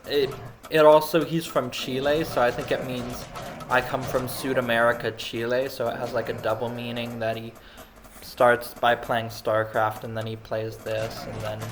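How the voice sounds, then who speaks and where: A man's voice: mid-range voice, fairly bright tone. A man giving casual, rambling commentary over video game replays, chatting while he snacks. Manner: rambling, laid-back, snacking while talking.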